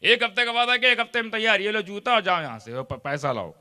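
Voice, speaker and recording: A man's voice: sits high, bright, forceful tone, clean tone, voice pushed up. A man playing a proud cobbler in a parable who boasts of keeping his word. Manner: boastful, brisk.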